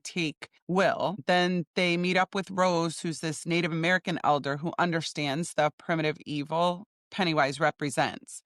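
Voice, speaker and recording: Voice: medium pitch, a bit bright, no echo, studio quality. A podcast host giving a casual, chatty recap of a TV episode, thinking aloud with small laughs and restarts.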